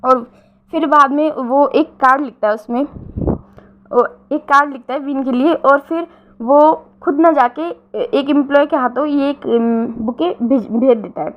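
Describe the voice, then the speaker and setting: High-voiced woman casually retelling a story. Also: measured pace, muffled recording. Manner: frequent fillers and self-corrections.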